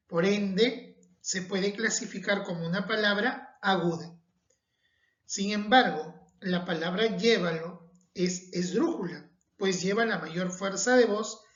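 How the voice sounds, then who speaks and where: A woman teaching a recorded spelling lesson, speaking slowly and carefully and stressing each example word. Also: medium pitch. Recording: dull echoey room.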